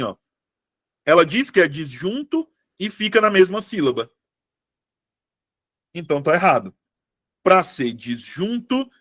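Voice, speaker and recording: A young Brazilian man with a high, light voice teaches Portuguese in a live online prep class. He talks in a lively, chatty way and keeps checking in with his students by name. The sound is dry and close, with no room around it. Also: no echo. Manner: lively, addresses students by name and as "meus amores".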